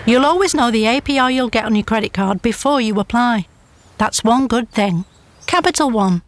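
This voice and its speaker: A woman's voice: fairly high pitch, expressive, moderate pace, no room sound. A woman narrating a scripted radio advert.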